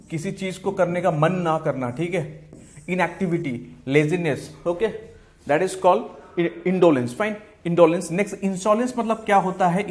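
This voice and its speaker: A man's voice: high-pitched, a little mellow. A man with an Indian English accent teaching exam vocabulary. He switches between Hindi and English, repeats each key word and answer, and keeps saying "fine" and "okay" between points. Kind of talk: exam-prep vocabulary lesson.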